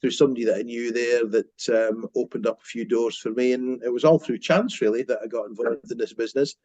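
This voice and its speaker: Talking fairly quickly with a steady, darkish medium-pitched voice, a Scottish mortgage broker in his fifties shares his career story. The company director is being interviewed about business but tells it casually, stumbling through many fillers and restarts. No room sound is audible in the recording.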